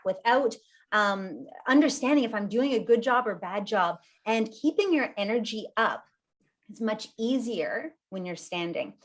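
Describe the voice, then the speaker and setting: A woman giving a live online workshop over a video call, talking in a lively, conversational way while standing. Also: on the high side. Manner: lively and conversational, laughs often; talks while standing and gesturing. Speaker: workshop presenter.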